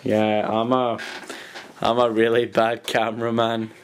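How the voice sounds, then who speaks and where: A man's voice: mid-range voice, monotone, a little slow. A man filming his brother at home, teasing him with dry, sarcastic remarks. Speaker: cameraman, vlogger's brother. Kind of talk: casual chat. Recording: noisy home video recording.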